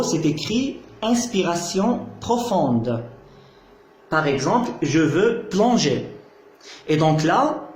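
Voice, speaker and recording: A man's voice: on the high side, a little mellow. A man giving a patient lecture, repeating key terms and checking that students follow. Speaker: teacher. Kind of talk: slow explanatory lecture. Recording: echoey room.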